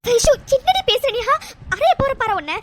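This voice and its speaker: A woman acts out a worried young best friend in a cartoon love story. She pleads and soothes in a very high voice, repeating herself. Faint noise sits under the recording. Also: big pitch swings, normal speed. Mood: pleading. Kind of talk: cartoon drama voice acting.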